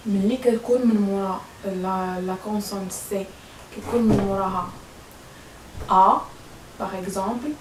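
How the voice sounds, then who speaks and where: A woman's voice: medium pitch, a little hiss or hum. A woman with a Moroccan Arabic accent, teaching French pronunciation to learners in a hesitant way, with many fillers and repeated words. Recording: echoey room, voice a bit far from mic.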